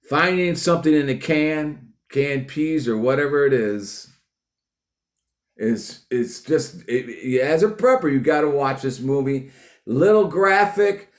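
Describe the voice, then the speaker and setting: A man from the United States hosting a casual news and opinion monologue for preppers, halting as he repeats and rephrases himself. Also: medium pitch, reverberant. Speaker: host of a prepper news channel.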